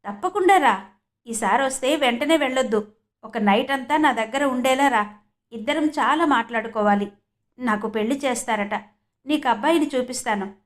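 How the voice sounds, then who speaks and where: A woman's voice: fairly high pitch, normal speed, lightly acted. A woman voicing a supportive young female friend chatting on the phone in an audiobook. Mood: affectionate.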